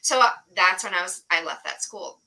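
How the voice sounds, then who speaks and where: A woman guest on a podcast, telling a story in an animated way with lots of fillers and quoted dialogue. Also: on the low side, moderate pace, rough recording. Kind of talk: storytelling in conversation.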